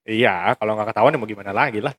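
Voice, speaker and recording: Young man, animated storyteller who laughs a lot, casual co-host. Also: lowish voice, fast talker. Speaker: podcast co-host. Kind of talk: casual chat.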